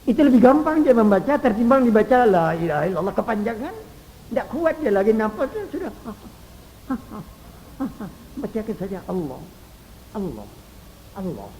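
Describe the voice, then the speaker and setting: An older man preaching a Quran exegesis sermon, emphatic, swinging from loud stresses to hushed demonstrations. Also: very high voice, lively intonation, moderate pace, in a large hall, a little hiss or hum, poor audio. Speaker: Islamic preacher.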